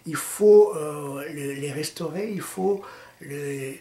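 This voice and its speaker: A man from the Democratic Republic of the Congo with a Congolese French accent, answering interview questions haltingly, with many fillers and restarts. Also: on the high side, warm tone. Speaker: interviewee, political party founder. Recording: echoey room with faint noise.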